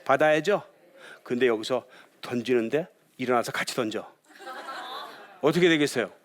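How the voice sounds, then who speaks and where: A man who is a pastor gives a lively lecture on marriage and conversation, often putting questions to his audience. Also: mid-range voice, moderate pace, slight background noise.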